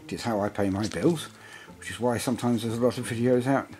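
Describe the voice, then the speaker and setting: A man's voice: medium pitch, quick pace, darkish tone. A tired man chatting casually as a hobby channel host, rambling and digressive as he reviews a game book. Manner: rambling and digressive, self-described waffler. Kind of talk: casual chat.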